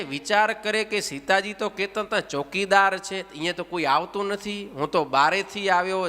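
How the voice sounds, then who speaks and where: A man's voice: high voice, long reverb tail. A man animatedly reciting a devotional story, asking his listeners questions and leading the chanting. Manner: animated, asks the audience questions, leads chanting. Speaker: religious storyteller.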